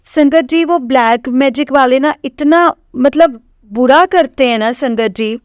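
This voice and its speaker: Punjabi lady giving an emotional devotional testimony, clean smooth voice, dry close sound. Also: sits high, measured pace, no echo. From Punjab, India. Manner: earnest, emotional, repetitive phrasing.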